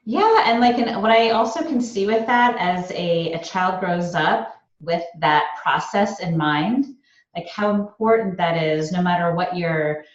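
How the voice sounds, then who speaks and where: A woman's voice: lowish voice, unhurried, reverberant, muffled recording. A woman podcast host chatting with a guest, enthusiastic and casual, with lots of "like" fillers. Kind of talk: casual interview chat.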